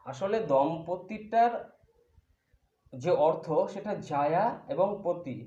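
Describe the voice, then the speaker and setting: A man's voice: on the high side, lively intonation, slow, dark tone. A man teaching a grammar lesson, patiently explaining each point step by step with examples. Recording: echoey room, dull lo-fi sound.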